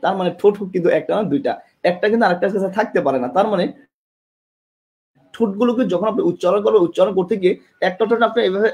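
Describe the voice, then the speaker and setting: His voice sits high and a little mellow, and he races along while teaching an online exam-prep lesson. Recorded by a camera mic in a board-equipped classroom, he repeats himself a lot, asks students questions, and shows sounds with his tongue and lips.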